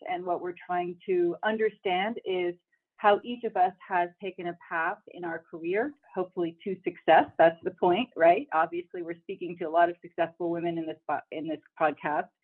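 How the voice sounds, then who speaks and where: A woman co-hosting a podcast interview, asking questions in a conversational, rambling way. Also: lowish voice. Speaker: podcast co-host. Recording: phone-like line.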